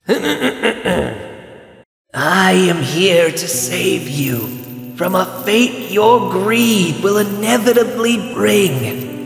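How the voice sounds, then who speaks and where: A man's voice: high-pitched, animated, gravelly, full character voice. A man playing the solemn but cocky ghost of a young hedgehog hero in an audio drama, with a ghostly reverb on his voice. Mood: solemn warning. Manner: slow, solemn, haunting delivery. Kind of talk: audio drama character acting. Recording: long echoing reverb, music behind.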